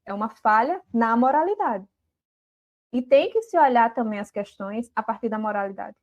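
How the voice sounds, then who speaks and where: A woman's voice: a little high, expressive, normal speed, lo-fi sound. A woman guest on a podcast, explaining earnestly with many filler words. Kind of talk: explaining in a live podcast chat.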